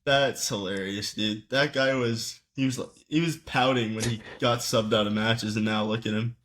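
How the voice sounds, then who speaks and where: A man's voice: lowish voice, fairly even intonation, normal speed, a bit bright. A man co-hosting a casual podcast chat, blunt and joking. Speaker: podcast co-host.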